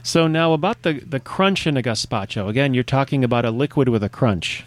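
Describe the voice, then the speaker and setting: A male radio host chats in a playful, meandering way at a middling pitch. The sound is close and dry. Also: brisk, no room sound. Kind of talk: casual radio chat.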